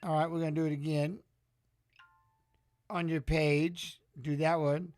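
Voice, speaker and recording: A middle-aged man hosting a live fight watch-along, chatty and excitable, talking to the viewers as he calls the action. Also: on the high side, measured pace. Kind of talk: casual live fight commentary.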